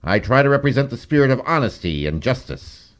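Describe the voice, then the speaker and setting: A man playing a suave gentleman detective and avenger, measured and theatrical, in old-time radio drama style. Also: medium pitch, sing-song, close to an everyday voice. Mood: stern, mocking. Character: suave, kindly gentleman detective, also a grave avenging phantom.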